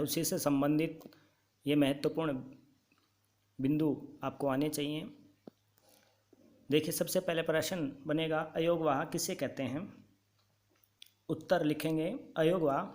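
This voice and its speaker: Guy teaching grammar, talks real slow n a bit high, dictating notes. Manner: slow, dictating for students to write down. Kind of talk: Hindi grammar lesson.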